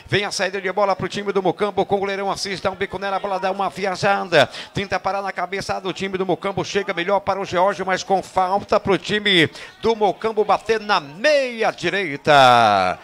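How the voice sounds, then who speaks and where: A man giving excited radio play-by-play commentary on a football match. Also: sits high. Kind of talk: excited radio play-by-play commentary with drawn-out calls and shout-outs.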